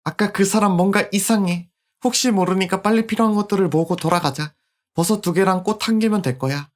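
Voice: medium pitch, brisk, pitched above the performer's own voice, natural voice. A streamer voicing a polite, wary little girl in a storybook-style video game.

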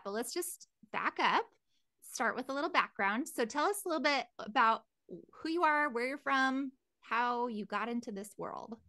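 A woman's voice: on the high side, sharp tone, no echo, clean studio sound. A woman hosting a podcast, bubbly and enthusiastic as she introduces and interviews a guest. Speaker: podcast host.

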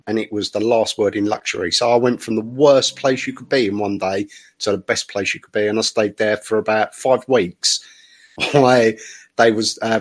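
A middle-aged man, telling his story as a podcast guest in a rambling, candid way full of restarts. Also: lowish voice. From south-east England. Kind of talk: casual interview storytelling.

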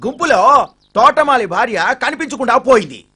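A man's voice: very high-pitched, normal speed, breathy edge, full character voice. An actor playing a sarcastic, teasing man who mocks a storyteller and then takes over the tale in a comedic film scene. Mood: storytelling. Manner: mocking, wisecracking, animated storyteller. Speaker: cheeky neighbor telling a comic story.

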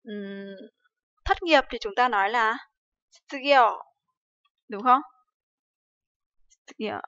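A woman's voice: fairly high pitch, measured pace, pushed and bright, smooth, no room sound. A woman from Vietnam teaching Japanese in a livestream lesson, often asking rhetorical questions and using many fillers. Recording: dry, slightly dull livestream audio.

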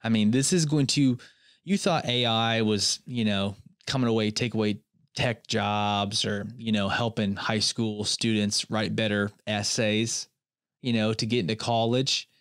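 A man's voice: on the low side, steady tone, unhurried, a bit bright, clean tone, no echo, studio quality. A young man hosting a comedy podcast, rambling in a mock-earnest way and often restarting his sentences. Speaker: podcast host. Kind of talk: comedic solo podcast monologue.

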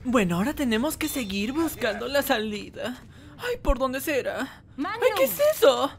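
A woman's voice: high-pitched, very animated, normal speed, slight background noise. A woman voicing Whis, a timid, fussy male angel in a comic fan animation, sighing and shrieking in fright. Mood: panicky excited. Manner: camp, sighs "ay" constantly, shrieks when scared. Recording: game music playing behind the voice.

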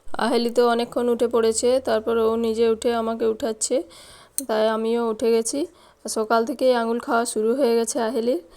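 A young woman, a mother narrating a casual home vlog and coaxing her baby in a loud sing-song. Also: a little high, little pitch movement, a little fast. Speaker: vlogger mother. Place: home bedroom. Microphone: phone camera. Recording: home video with clear background noise.

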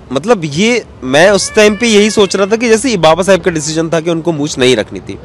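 A cartoonist in his thirties, his voice sitting high, gives long answers in an interview, mixing in English terms. He's recorded outdoors in an open courtyard on a handheld mic the interviewer holds out, with faint street noise around.

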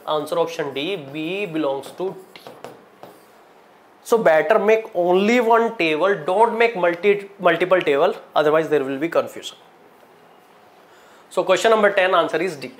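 A male teacher with a North Indian accent and a distinctly high voice works through exam problems. He speaks in short instructional chunks, repeating key items and stressing them as he goes. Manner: instructional, short broken phrases with repetition and emphasis. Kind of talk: classroom lesson, solving problems step by step. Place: indoor teaching studio in front of a digital board.

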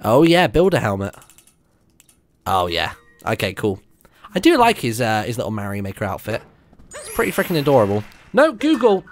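A man's voice: medium pitch, huge pitch swings, normal speed, pauses often. A young British man giving casual, chatty gameplay commentary to viewers on a close mic, thinking aloud as he plays. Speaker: video game streamer. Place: indoor room, streaming setup at home. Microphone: close microphone on a stand. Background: video game music.

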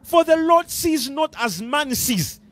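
A man's voice: very high-pitched, lively intonation, slow pace, fairly bright tone. A middle-aged man with a Malawian accent preaching a sermon on a church stage into a handheld mic, emphatic and repeating his phrases. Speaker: pastor.

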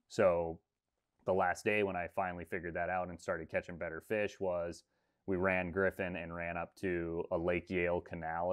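A man in his thirties, a fishing guide, talking casually on a video call with lots of fillers. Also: deep voice. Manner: relaxed, rambling, many fillers. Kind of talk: casual interview talk. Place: room with textured ceiling. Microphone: video call webcam.

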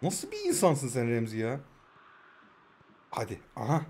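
In a mid-range, slightly rough voice that moves a little slowly, a man in his twenties narrates a mobile football match. His commentary is excited and joking, full of self-teasing and jabs at his audience.

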